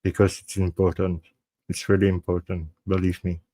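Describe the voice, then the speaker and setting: Hosting a live true crime show, this Belgian man, a native French speaker, gives a casual sign-off in a low, level, mellow voice with no echo. He talks haltingly and earnestly, often restarting phrases and lapsing into French.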